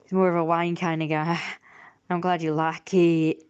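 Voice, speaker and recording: A woman streamer and artist draws while chatting casually on a livestream, rambling and self-critical. Her fairly low, slightly mellow voice is clean in tone with little pitch movement and normal speed, though the audio sounds dull.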